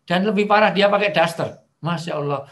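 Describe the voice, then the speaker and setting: A middle-aged man preaching over a video call, lively and joking, now and then acting out angry shouting. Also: high voice, fairly quick. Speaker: Islamic preacher. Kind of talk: online religious talk.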